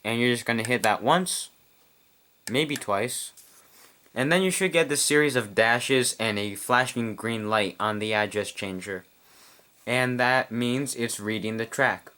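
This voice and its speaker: A man casually explaining how to set up a model train address changer, chewing gum as he talks in a quiet room. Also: mid-range voice, a little slow. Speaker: model train hobbyist reviewer. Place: quiet room at home with model track on a table.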